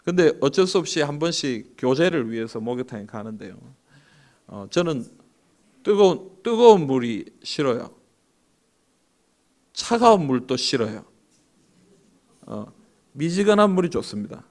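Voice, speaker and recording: A man's voice: medium pitch, big pitch swings, unhurried, pauses often, a little mellow. A male pastor preaching a sermon, with emphatic rhetorical questions to the congregation.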